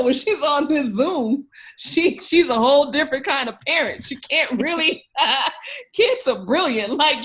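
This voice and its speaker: A fairly high, slightly bright female voice belongs to an education researcher appearing as a podcast guest. She speaks directly and conversationally to the listener, emphatic and encouraging throughout.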